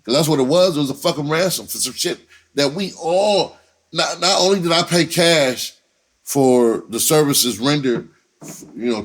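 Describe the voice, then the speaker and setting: Speaking at a medium pitch with a fairly bright tone, a man relates a personal anecdote in profane, casual slang. He keeps repeating himself and dramatizes the conversations, with music in the background.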